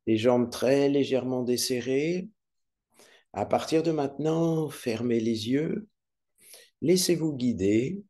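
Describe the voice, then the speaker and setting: Guy doing guided meditation, really slow n soft-edged mellow voice, calm, soothing, lots of pauses. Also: mid-range voice. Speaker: yoga nidra instructor leading a guided relaxation.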